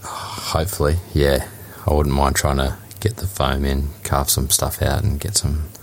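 An Australian man with an extremely deep voice chats as a podcast co-host. He talks in an easygoing, plain-spoken way over a remote call. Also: completely flat delivery, a little slow, a little hiss or hum. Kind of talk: casual chat.

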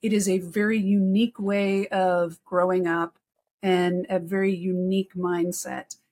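A woman from Texas, a podcast guest, talking in a chatty storytelling way with quick asides. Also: lowish voice, level tone, darkish tone. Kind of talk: casual conversation.

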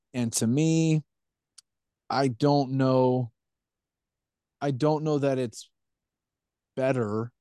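A man's voice: medium pitch, warm tone, clean tone, no echo, studio quality. A man talking casually as a podcast guest, hedging and hesitant about his opinions. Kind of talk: casual chat.

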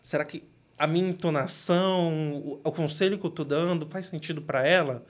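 A young man from Brazil with a São Paulo accent, talking casually as an interview guest, relaxed and quick to laugh. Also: on the high side. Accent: São Paulo Portuguese. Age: young adult.

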